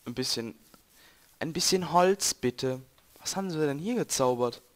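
Joking and chatting to his viewers mid-game, this young man speaks with a German accent in casual gameplay commentary. His voice is fairly high and animated, at a measured pace, and the home recording is noisy.

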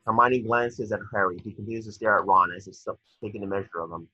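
Speaking fast in a low-leaning voice that sounds pushed and bright, this man narrates the stage directions at a table read and stumbles on a word here and there. The dry recording comes through a video call with dull, lo-fi sound.

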